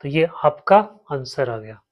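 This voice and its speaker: A man's voice: mid-range voice, unhurried. A man teaching a maths lesson, walking his students through each step and repeating terms as he writes. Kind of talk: slow blackboard maths lesson.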